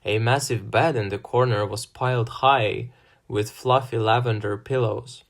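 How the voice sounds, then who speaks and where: A man reading a first-person fantasy novel as scripted narration in a measured manner. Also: medium pitch, fairly even intonation, creaky. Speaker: audiobook narrator.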